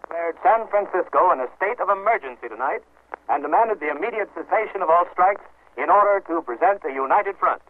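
A man's voice: high voice, animated, brisk. A man as a radio newscaster reading a formal, urgent bulletin in old newsreel style. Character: grave 1940s male radio newscaster. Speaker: radio news announcer. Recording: tinny phone-like old radio recording.

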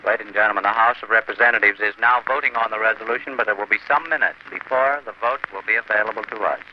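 A man's voice: lowish voice, steady tone, fast. An American man making formal 1940s radio news announcements. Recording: dull, noisy 1940s radio recording.

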